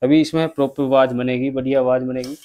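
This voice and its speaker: Flat-voiced mechanic explaining. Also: male voice, mid-range voice, fast talker. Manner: plain step-by-step explaining, addresses viewers as friends. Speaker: bike mechanic. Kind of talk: workshop repair tutorial. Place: motorcycle repair workshop.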